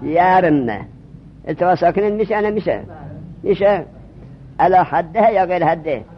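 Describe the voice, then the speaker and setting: A man teaching a religious studies class, repeating key terms and quizzing his students with questions. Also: sits high. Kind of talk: classroom lesson. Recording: dull lo-fi recording.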